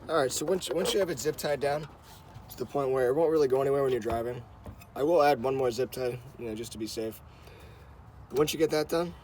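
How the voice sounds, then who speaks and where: There's a slight hiss or hum behind this man, whose medium-pitched voice is a little mellow. He hosts a how-to car channel, chatting informally through each step and repeating instructional phrases as he goes.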